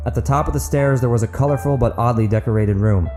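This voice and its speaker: Over music, an author narrates his fiction and wraps up his podcast, telling the story straight to his audience. He talks fast at a medium pitch. It's dramatic audiobook narration leading into an outro.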